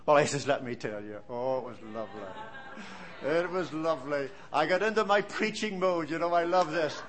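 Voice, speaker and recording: With music playing in the background, a man in his seventies from Ireland preaches in a slightly high voice at a moderate pace. His sermon is animated and storytelling, delivered as earnest exhortation.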